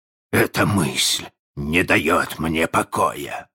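A man's voice: extremely low pitch, extremely slow, bright, forceful tone, husky, full character voice. A man voicing a menacing, proud and hot-tempered male pirate captain in a storybook reading, speaking passionately with barking outbursts. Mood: fretful.

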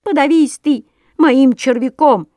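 A woman voicing a hot-tempered male sparrow, a family bird who shouts indignant, rapid outbursts. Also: a little high, lively intonation, no echo, studio quality. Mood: aggrieved.

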